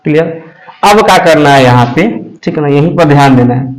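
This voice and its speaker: A man's voice: fairly high pitch, expressive, rough recording. A male math tutor, explaining a lesson step by step and checking often that students follow. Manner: slow, repetitive explaining with frequent check-ins. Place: coaching class.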